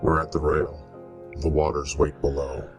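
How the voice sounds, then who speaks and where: Very deep, sorrowful Frankenstein's monster. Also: male voice, level tone, soft background music. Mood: tender, mournful. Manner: solemn, slow, theatrical, archaic phrasing. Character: sorrowful monstrous man-made creature, weary, tender toward his creator. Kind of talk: melodramatic horror audio drama acting.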